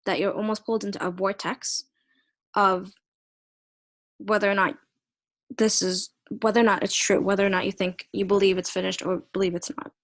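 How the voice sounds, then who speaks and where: A young woman presenting a student research project, talking with many fillers, restarts and stumbles over names. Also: mid-range voice.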